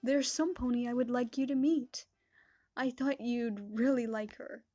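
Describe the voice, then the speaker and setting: A woman playing a calm, kindly pony princess and mentor in a fan-made cartoon audio drama, speaking gently on a lo-fi recording. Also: fairly high pitch, soft background music, lightly acted. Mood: warmly formal. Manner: gentle, unhurried.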